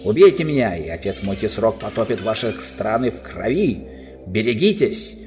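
A man voicing an arrogant, furious young prince in a storybook reading, shouting his lines high and boastful. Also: sing-song, normal speed, music in the background. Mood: scornful. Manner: shouting, boastful, raised pitch.

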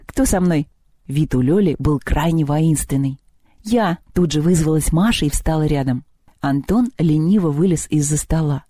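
A woman narrating a children's story with a lively, expressive reading. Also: sits low, moderate pace, slightly rough, no room sound, studio quality.

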